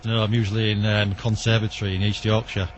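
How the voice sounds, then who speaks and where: A man's voice: on the low side, flat delivery, fast talker. A man in an outdoor radio interview, answering in a detailed, matter-of-fact way as a radio enthusiast guest. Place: outdoors in a back alley. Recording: outdoor background noise.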